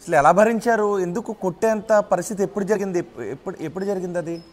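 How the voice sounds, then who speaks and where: A man's voice: high-pitched, quick pace. A male reporter conducting a news interview, asking probing, insistent questions.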